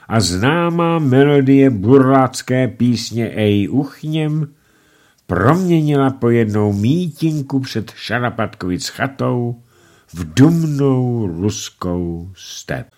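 A man narrating a humorous story in an expressive, playful, ironic reading style. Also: mid-range voice. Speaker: audiobook narrator.

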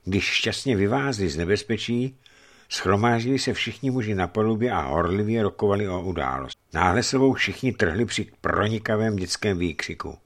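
A man narrating an adventure story in a measured, dramatic reading voice. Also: fairly low pitch, expressive. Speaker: audiobook reader.

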